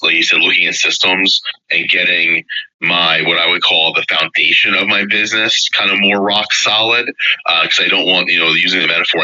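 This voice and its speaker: A man's voice: low voice, bright, forceful tone, muffled recording. A man from upstate New York with a head cold and a nasal voice, talking casually as a podcast guest with lots of fillers. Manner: many fillers, hesitant. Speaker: podcast guest, part-time real estate investor.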